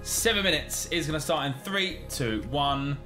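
A man's voice: a little high, normal speed, music in the background. A British man in his twenties hosting a video with casual gaming commentary. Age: 20s. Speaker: gaming YouTube host. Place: small room at home.

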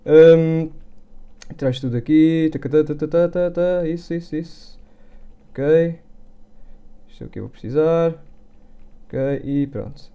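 A man's voice: a little high, a little slow, pauses often, clear, resonant tone, lo-fi sound. A man with a European Portuguese accent commentating his own Minecraft gameplay, muttering and repeating words under his breath as he plays. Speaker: gaming YouTuber.

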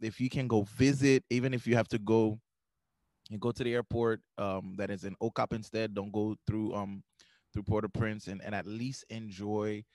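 Guy from haiti cohosting a podcast, lowish voice, lots of ums, dry mic. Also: level tone, moderate pace, a little mellow, no echo. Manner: earnest, recommending with many fillers and restarts. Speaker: podcast co-host. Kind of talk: casual podcast chat.

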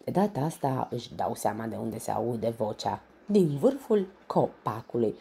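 A woman storyteller reading a children's bedtime story in an expressive, animated way. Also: extremely low pitch, creaky, a little hiss or hum.

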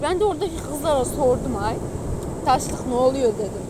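Casting: woman, Sivas Anatolian accent, high voice, animated folksy gossip, noisy seaside location. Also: brisk. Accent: Sivas, central Anatolian Turkish. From Sivas, Turkey. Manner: animated storytelling with folksy exclamations. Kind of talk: casual gossipy chat. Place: outdoors by the sea. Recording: loud wind, water and boat engine noise.

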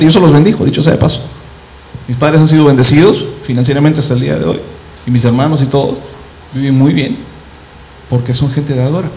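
A male pastor preaching a sermon, quoting scripture and telling personal stories, slowing down and speeding up as he goes. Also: a little high, slight background noise. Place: church hall. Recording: echoey church hall.

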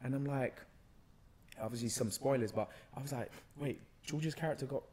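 This young adult actor, a London man appearing as a podcast guest, tells stories casually in a warm, mid-range voice at normal speed. He sits on a sofa in a bright indoor room, close to a boom-arm podcast microphone.

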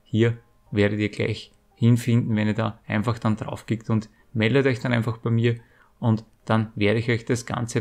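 A man's voice: lowish voice, vocal fry. A middle-aged man, hosting a video and announcing a giveaway in a wordy, informal explaining way. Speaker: YouTube channel host. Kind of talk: scripted giveaway announcement to viewers.

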